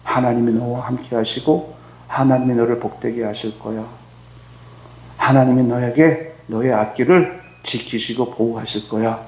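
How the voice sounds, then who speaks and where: A man voicing a gentle mother who softly reassures her grown son, in a lowered, tender tone during a sermon. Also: fairly even intonation, moderate pace, natural voice. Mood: soothing. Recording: echoey church sanctuary.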